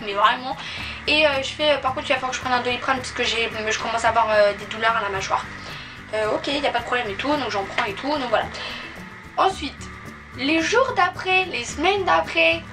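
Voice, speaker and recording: A young adult woman telling a personal story in a casual, chatty vlog style, informally acting out remembered exchanges. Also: sits high. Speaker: vlogger. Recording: distant mic, clear music behind. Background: music.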